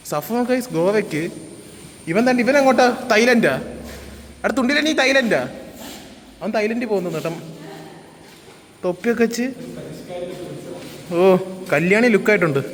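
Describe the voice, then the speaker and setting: A man's voice: sits high, expressive, moderate pace, long pauses, fairly bright tone, slight background noise. A young man casually vlogging a trip with his friends, teasing them and introducing each one to a handheld camera. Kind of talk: casual travel vlog with friends. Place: among a group on a road trip, by a bus. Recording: busy group chatter around.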